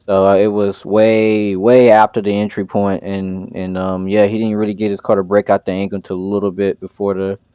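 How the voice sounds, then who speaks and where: A man judging a drift event, explaining a call in a halting way. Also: lowish voice, little pitch movement, dark tone, clear, resonant tone, dry recording, lo-fi sound. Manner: halting, uses fillers. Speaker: judge. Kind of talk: explaining a decision.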